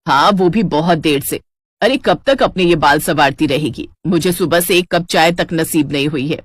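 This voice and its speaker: A woman voicing a sharp-tongued middle-aged mother-in-law in a storybook tale, scolding and vengeful. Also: sits low, moderate pace, pitched below the performer's own voice. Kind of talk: storybook character voice.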